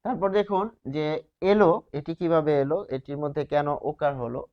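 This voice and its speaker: A man teaches a grammar class, walking through each rule one step at a time. He keeps asking his students questions and then answers them himself. His voice sits a little high, and the recording sounds slightly muffled. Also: brisk. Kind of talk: grammar lesson at a whiteboard.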